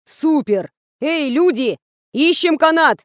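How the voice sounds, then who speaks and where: An explosive, bossy male film director yells orders and insults at his crew, as a woman narrator puts him on. He talks loud and punchy, in a dry, close reading. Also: high-pitched, animated, takes it slowly, no echo, pitched above the performer's own voice. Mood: bossy shouting.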